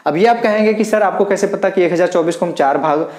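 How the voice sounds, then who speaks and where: Speaking fast in a high-pitched, slightly mellow voice, a male teacher explains a maths problem step by step, counting out loud while he writes, with a roomy echo around him.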